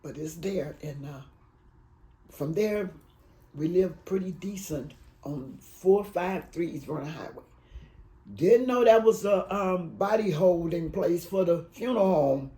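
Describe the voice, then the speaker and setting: A woman in her eighties from Alabama, raised in Detroit, telling her life story in an oral history interview, rambling and halting with emotion. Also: fairly low pitch, animated, mellow, poor audio. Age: 80s.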